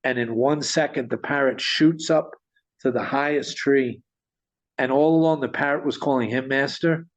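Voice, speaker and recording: A man telling a story in conversation, animated, with frequent restarts and small chuckles. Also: mid-range voice, moderate pace. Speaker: guest storyteller. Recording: dull lo-fi sound.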